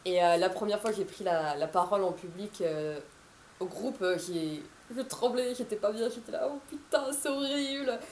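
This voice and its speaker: A woman's voice: on the low side, moderate pace, darkish tone, echoey room, slight background noise. A woman in her thirties, an author, chatting to camera in a casual, rambling way with many fillers and restarts. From France. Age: 30s.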